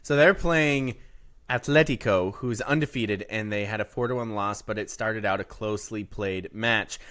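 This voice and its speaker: A man's voice: lowish voice, moderate pace, a bit bright, clean tone. A man hosting a sports podcast, reading out youth soccer match results in a casual, joking way. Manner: reads out youth soccer results, jokes along. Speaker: podcast host.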